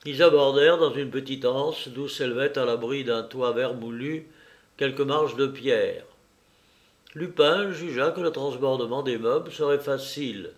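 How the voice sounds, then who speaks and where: A man narrating an audiobook in a measured, unhurried reading. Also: mid-range voice.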